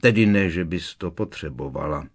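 A man's voice: low-pitched, animated. A man voicing a cold, contemptuous female gossip reporter.

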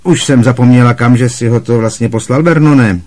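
A man reading aloud, voicing a bossy, loud middle-aged aunt who barks harsh scolding at a boy. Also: natural voice. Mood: scornful. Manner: booming, barking and harshly scolding.

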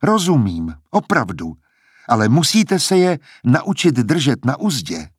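A man's voice: mid-range voice, wildly swooping pitch, breathy edge, no echo, studio quality, voice pushed up. A man voicing a mocking woman scientist. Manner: condescending, sly, drawn-out taunts.

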